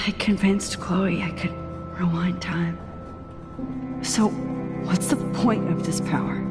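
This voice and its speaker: A woman's voice: mid-range voice, natural voice. A woman playing an anxious, determined, introspective teenage girl in a video game, often in inner monologue.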